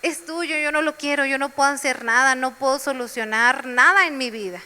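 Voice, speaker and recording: A woman's voice: high voice, a little fast, bright, forceful tone, in a large hall. A woman preaching a sermon in a church, sharing personal testimony.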